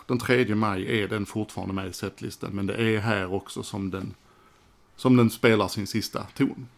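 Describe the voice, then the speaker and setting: A man's voice: on the low side, gravelly. A man giving casual, frank commentary as a music collector, swearing casually as he talks through old footage.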